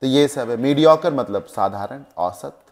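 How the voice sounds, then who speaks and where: Animated yet unhurried, the teacher speaks with a medium, slightly mellow voice. He is explaining what English words mean in class, offering Hindi glosses and pausing to ask the students checking questions.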